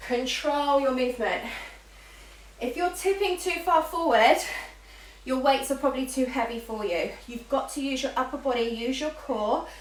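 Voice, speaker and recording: During a live workout class, a woman aerobics instructor calls out moves and counts with brief, encouraging cues at normal speed in a high voice. She is recorded far from the mic in an echoey room with faint noise.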